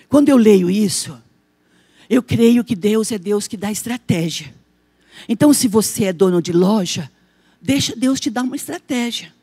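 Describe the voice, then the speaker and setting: A woman's voice: medium pitch, dark tone, husky. A woman pastor with a Brazilian Portuguese accent, preaching a church sermon, telling funny stories and laughing often. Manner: humorous storytelling, laughing often. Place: church service.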